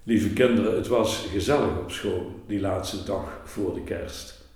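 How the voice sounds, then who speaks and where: A man preaches with a slow, solemn, measured voice of mellow, darker tone. His words hang in the long echo of a very reverberant church hall, as if he stood at the pulpit. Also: on the low side. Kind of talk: sermon and children's story.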